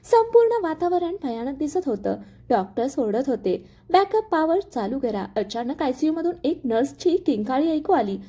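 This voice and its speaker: Female storyteller, dramatic expressive narration, mellow tone, high voice. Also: moderate pace, few pauses.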